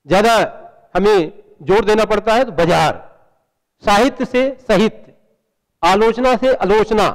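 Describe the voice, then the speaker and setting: A man lecturing to students, his voice pitched high for a man. He works through one example after another and poses rhetorical questions. A long reverb trails behind his words. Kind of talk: university lecture on language.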